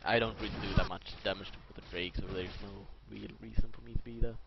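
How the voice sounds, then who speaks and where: Here a fast-talking man with a Swedish accent narrates his own video game match in a low, steady voice with vocal fry. He muses aloud, corrects himself, and chats on the side. Heavy background noise from game sound effects and clicks fills the lo-fi recording.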